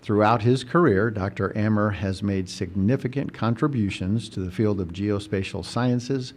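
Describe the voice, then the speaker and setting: A man hosts an education podcast, reading a formal introduction before chatting with his guest in an earnest, friendly way with a few fillers. He is also a recruitment coordinator. His voice is on the low side and moves at a moderate pace.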